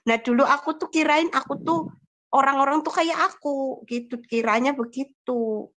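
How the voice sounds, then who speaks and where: A woman giving a personal testimony in a conversational, animated storytelling manner. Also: sits high, normal speed. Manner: animated storytelling, lively acted quotes. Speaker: testimony giver.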